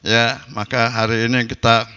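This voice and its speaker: A man from Indonesia, preaching a sermon at a mosque gathering, animated and acting out the people he quotes. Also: mid-range voice, normal speed, clear, resonant tone, highs cut off. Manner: animated, acts out quoted people and rises sharply when scolding.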